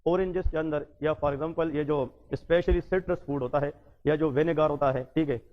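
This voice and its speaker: A man's voice: on the high side, fairly even intonation, moderate pace. A male biochemistry lecturer giving a classroom lesson, often asking questions and answering them himself. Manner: repetitive, quizzing students and answering himself. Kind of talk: classroom lecture mixing Hindi and English. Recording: tinny phone-like sound.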